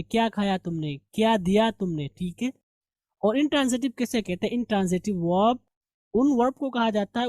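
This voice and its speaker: Male teacher, warm and dry, patiently walks through grammar rules in a recorded lesson. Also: sits high, no room sound. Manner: explains step by step, asks and answers his own questions.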